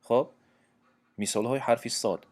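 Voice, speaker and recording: A man with a Tajik accent gives a religious recitation lesson at an ordinary pitch. He explains each rule patiently, repeating his points and pausing often to find his words. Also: a little mellow. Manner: patient, repeats points and examples, frequent hesitations. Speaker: Quran recitation teacher.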